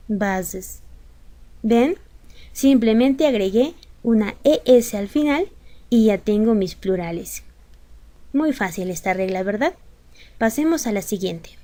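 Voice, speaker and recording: Slow, patient woman teaching a grammar lesson. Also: on the high side, dark tone. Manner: patient, slow, addresses pupils with rhetorical questions. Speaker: English teacher.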